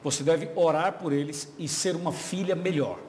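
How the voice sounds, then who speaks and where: A man's voice: on the high side, moderate pace. A man with a Brazilian Portuguese accent, a pastor answering viewers' questions on a live video chat in an explanatory, chatty way. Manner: warm, explanatory, chatty, laughs easily. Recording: reverberant studio with faint ambient noise.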